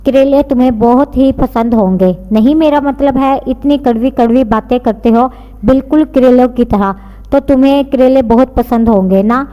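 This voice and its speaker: A playful young woman who teases and pouts, read by a woman narrator. Her voice sits fairly high and trails into a long echo. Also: moderate pace, lo-fi sound, close to an everyday voice. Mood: teasing. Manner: teasing, pouting. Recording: long reverb.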